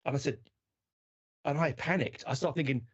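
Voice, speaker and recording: A man's voice: fairly high pitch, moderate pace, husky. A man with an Australian accent telling a story in casual chat, acting out the quotes and swearing casually. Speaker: podcast guest or host. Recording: dull lo-fi sound.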